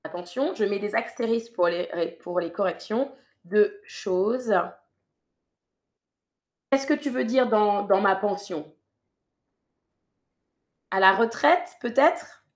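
A woman's voice: medium pitch, takes it slowly, pauses often. A woman teaching French on a live stream, reading viewers' sentences and patiently correcting them, often repeating her instructions.

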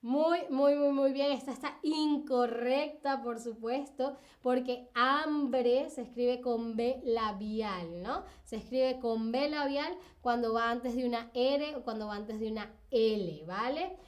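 A woman's voice: on the high side, slow, few pauses. A young woman teaching spelling on a live stream, explaining patiently with fillers and cheering her viewers on. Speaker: Spanish teacher.

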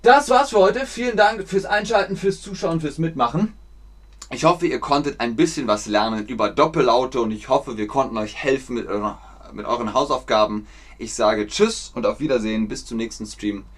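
A man giving a slow, clear German lesson on a live stream, repeating words for learners and chatting with viewers. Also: mid-range voice, a bit bright. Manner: chatty, reads out viewer names from chat. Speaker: German teacher.

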